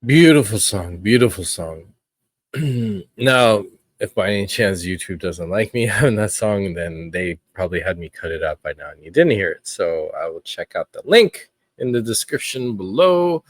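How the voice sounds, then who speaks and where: Guy with a real deep voice doing his podcast, earnest and thoughtful, lots of pauses, dry close sound. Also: animated, dry recording. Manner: earnest, reflective, with frequent pauses. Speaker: podcast host. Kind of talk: casual podcast commentary.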